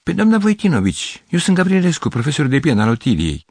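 A man's voice: fairly high pitch, huge pitch swings, darkish tone, no room sound, voice pushed up, heavily acted. A man voicing a fussy, flustered middle-aged male piano teacher who rambles and over-explains. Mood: insistent.

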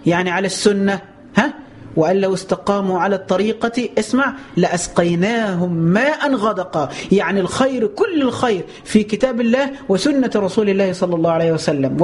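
A man with an Egyptian Arabic accent giving a colloquial religious lesson. He fires off rhetorical questions, lets out drawn-out exclamations, and slows right down to recite scripture. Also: sits high, slight background noise. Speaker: preacher.

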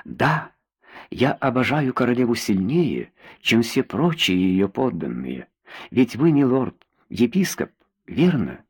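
A man voicing a charming young nobleman in an audiobook, speaking glibly and with flattery. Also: mid-range voice, takes it slowly, husky, heavily acted. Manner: glib and flattering.

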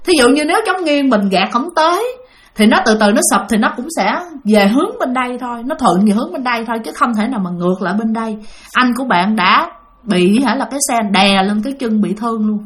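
Woman storyteller, casual ghost story narration, fairly high voice, talks to listeners. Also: lively intonation, fairly quick. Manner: chatty, addresses listeners directly.

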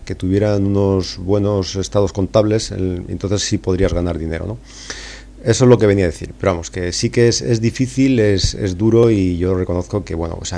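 A man's voice: on the low side, mellow. A middle-aged man from Spain with a Spanish accent, talking through a casual, rambling lesson as a podcast host, full of fillers and tag questions. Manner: chatty, digressive, many tag questions and fillers. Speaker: podcast host and English teacher.

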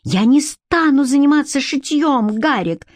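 A woman's voice: medium pitch, animated, moderate pace, a little mellow, no echo, clean studio sound, close to an everyday voice. A woman reading the part of a proud, fiery young captive who answers her master with indignant outbursts. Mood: defiant.

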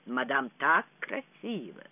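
A reader voicing a quiet, dryly deferential older lady's maid in an audiobook. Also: medium pitch, very animated, slow pace, voice pushed down. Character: dry, low-voiced older lady's maid. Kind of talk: audiobook reading. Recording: tinny phone-like sound.

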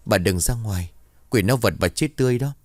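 A man's voice: lowish voice, brisk, no echo, clean studio sound, voice pushed up, natural voice. A man voicing a young apprentice boy who worries over his master in a spoken ghost story. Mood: warning. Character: young male apprentice boy, anxious and earnest.

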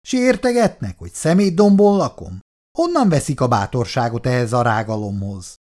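Guy doing a gruff mocking young tenant, loud and pushy, lively pitch. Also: lightly acted. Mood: hostile. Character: rude, sneering younger man, quarrelsome tenant. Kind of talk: audiobook reading of a novel.

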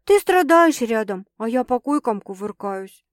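A woman's voice: on the high side, big pitch swings, unhurried, no room sound, clean studio sound. A woman voicing a teasing, outspoken young woman in an audiobook, sarcastic and bossy. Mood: ironic. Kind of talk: audiobook character voice.

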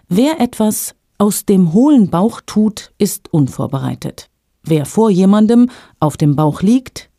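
A Russian-speaking woman reads her own magazine column aloud for language learners, clearly and at a measured pace. Her voice is low with a dark tone, recorded at studio quality with no room sound.

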